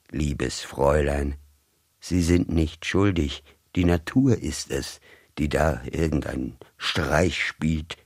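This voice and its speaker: A man reading a cold, formal gentleman's agent. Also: very deep voice, husky, dry recording, clean studio sound, heavily acted. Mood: soothing. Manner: cold, formal, measured, turning commanding. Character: cold, commanding middle-aged male agent of a rich employer.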